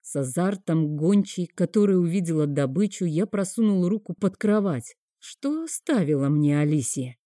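A woman's voice: on the low side, animated, normal speed, hardly any pauses, mellow, no room sound, studio quality. A woman reading a novel aloud in first person. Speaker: audiobook reader.

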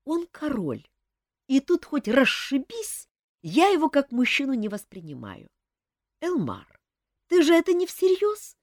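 A woman voicing Olga, an emotional, quick-tempered young woman who talks in an excitable, emphatic way. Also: sits high, no room sound, studio quality, pitched above the performer's own voice, heavily acted. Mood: flustered.

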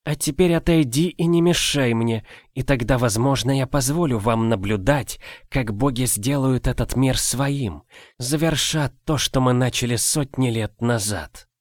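A man voicing an ancient, domineering male gatekeeper program in an audiobook, speaking slowly and with contempt. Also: medium pitch, no echo, close to an everyday voice. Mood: triumphant. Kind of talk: audiobook character voice.

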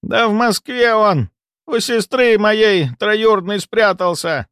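A man voicing a panicky old village woman who blurts and wails in a shrill voice. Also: slow pace, a bit bright, smooth, no echo, clean studio sound. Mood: blurting.

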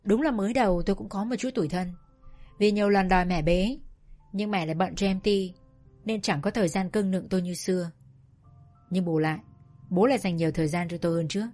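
Sex: woman. Style: calm first-person story narration. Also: fairly low pitch, a little fast, soft background music. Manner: calm, reflective, confiding.

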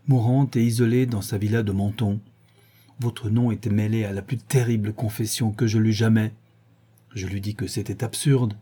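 A man's voice: on the low side, warm tone, husky. A man voicing a grave, pleading painter friend. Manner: grave, reproachful, urging. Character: earnest male painter, middle-aged, pleading friend.

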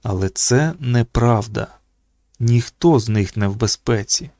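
A man narrating an audiobook in an expressive reading voice. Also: unhurried, no echo, studio quality. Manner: reads expressively, pitching up for the children's quoted lines.

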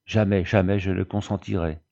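A pale, distraught young man, read by a male narrator in a storybook, his refusals anguished and pleading. The voice is low and gravelly, and the audiobook sound is dull and lo-fi. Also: steady tone, moderate pace, warm tone.

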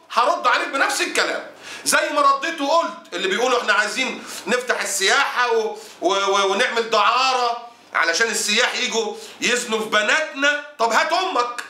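Fiery fast-talking Egyptian preacher. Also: male voice, very high-pitched, bright, forceful tone. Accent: Egyptian Arabic. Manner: fiery, indignant, scolding. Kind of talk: sermon. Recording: roomy echo.

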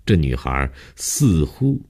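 A male audiobook narrator reading a novel in a steady, measured way. His voice is extremely deep and low-set throughout.

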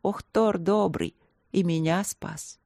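A woman voicing a timid, gentle blind young woman who speaks softly and slowly. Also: fairly low pitch, steady tone, creaky, no echo, studio quality, heavily acted. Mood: meek. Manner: soft, slow, meek speech.

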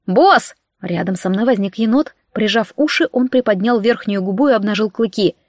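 A woman giving a lively, expressive first-person audiobook narration with dramatic delivery. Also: mid-range voice, a little fast, no room sound, clean studio sound. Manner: lively, dramatic reading with voiced characters.

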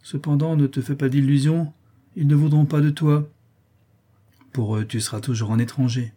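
A man's voice: medium pitch, fairly even intonation, normal speed, mellow, breathy edge, pitched above the performer's own voice, lightly acted. A man reading an audiobook, voicing a proud, curt widowed mother in a raised voice. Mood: proud, stern. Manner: curt and scolding. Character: stern widowed mother, sharp-tongued, proud.

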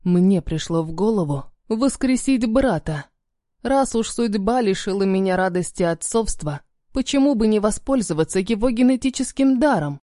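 A woman reading a novel aloud as narrator in an even, measured manner. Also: medium pitch, no room sound, studio quality. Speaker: audiobook narrator. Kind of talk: scripted narration.

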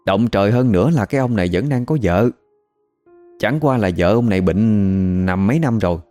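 Low-voiced Southern Vietnamese male storyteller. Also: moderate pace, dark tone, faint music behind. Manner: chatty, gossipy retelling. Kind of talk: spoken storytelling narration.

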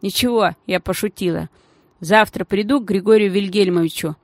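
Женщина озвучивает в аудиокниге вспыльчивую девочку лет двенадцати с писклявым голосом. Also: female voice, no echo, lightly acted. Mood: wry. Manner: squeaky, quick to flare up. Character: excitable schoolgirl of about twelve.

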